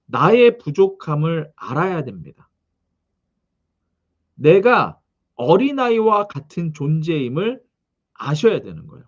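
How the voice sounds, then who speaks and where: A man preaching a sermon, reading scripture and telling its background in an animated way, with frequent questions to the congregation. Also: a little high, unhurried, pauses often, lo-fi sound. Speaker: pastor.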